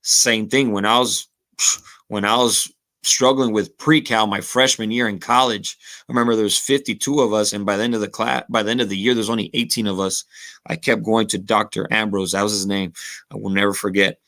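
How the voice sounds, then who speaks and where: A man in his thirties, a former college football kicker, speaks as a guest on a casual podcast with a Texas Rio Grande Valley accent. His voice is lowish and a bit bright, a little fast, with fairly even intonation. He sounds reflective, leans on lots of "you know" fillers, and slips Spanish phrases into his talk.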